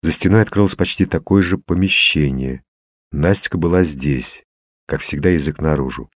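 A man narrates a first-person audiobook with tense, dramatic storytelling. His voice sits extremely low, and the studio sound is dry and close-miked. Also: normal speed, no echo.

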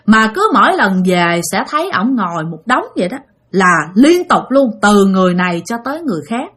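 Husky Southern Vietnamese woman telling ghost stories. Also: mid-range voice, very animated, fairly quick, fairly bright tone. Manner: chatty, addresses listeners directly. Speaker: storyteller. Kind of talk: casual spoken ghost story.

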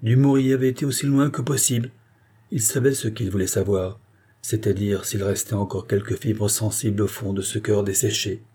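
A man reads a novel aloud in a steady, measured way. His voice is low and husky, with a dark, mellow warmth. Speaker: audiobook narrator. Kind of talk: scripted narration of a novel.

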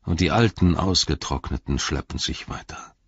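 A man's voice: very deep voice, normal speed, husky, no room sound. A man voicing a weary old king who laments his age and then calls his riders to arms. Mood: lamenting. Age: older. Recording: dull, lo-fi audiobook recording.

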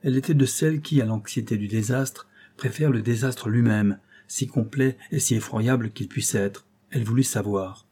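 Male audiobook narrator, measured and dramatic, warm husky tone. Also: medium pitch. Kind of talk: scripted literary narration.

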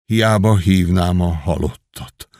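A man voicing a stern, cold younger brother who answers curtly and gravely. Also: deep voice, darkish tone, no room sound, clean studio sound, pitched below the performer's own voice, natural voice.

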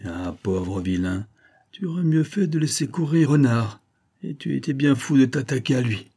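A man's voice: mid-range voice, lively intonation, moderate pace, dark tone, husky, pitched above the performer's own voice. A man voicing a cunning male fox who threatens his captive in harsh, scornful tones, in a storybook reading. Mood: menacing, scornful.

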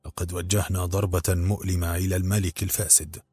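A man voicing a passionate, sharp-tongued older male activist in an audiobook, with a husky, low voice. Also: flat delivery, fast talker, soft background music. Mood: indignant.

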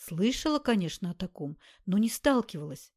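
A woman voicing an earnest, serious young woman who speaks softly. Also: mid-range voice, sing-song, normal speed, breathy edge.

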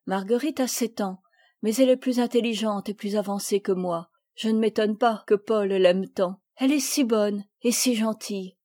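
A woman's voice: medium pitch, moderate pace, mellow, no echo, clean studio sound, lightly acted. A woman voicing a timid nine-year-old girl in a storybook reading, pleading and tearful. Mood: sad.

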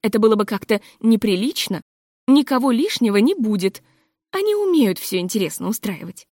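A woman voicing an eager female friend from society who reassures and persuades in an animated, lively way, read as an audiobook. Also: on the high side, brisk, no room sound, clean studio sound. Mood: reassuring.

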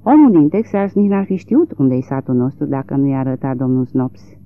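A man voicing a flat, desperate farm woman. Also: medium pitch, close to an everyday voice. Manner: flat, unmodulated, monotone. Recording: tinny lo-fi narrow-band recording.

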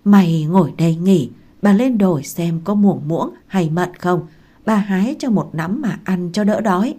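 Gruff scolding old village granny, as a woman reader puts her on. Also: on the low side, animated, normal speed. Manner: scolding, coarse, loud.

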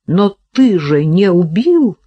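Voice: big pitch swings, slow, warm tone, husky, muffled recording, exaggerated voice. Reader voicing a defiant scheming sultan's wife. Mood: defiant shouting. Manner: pleading, then shrill and defiant. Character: scheming, desperate sultan's wife, middle-aged.

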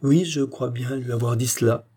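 A man's voice: mid-range voice, steady tone, normal speed, mellow, slightly rough, natural voice. A man voicing a timid, flustered village mayor in an audiobook reading. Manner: hesitant, stammering.

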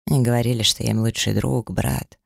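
A man's voice: medium pitch, fairly even intonation, fairly quick, vocal fry, no echo, clean studio sound. A man voicing a brooding, weary man. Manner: subdued, heavy delivery. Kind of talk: audiobook character reading.

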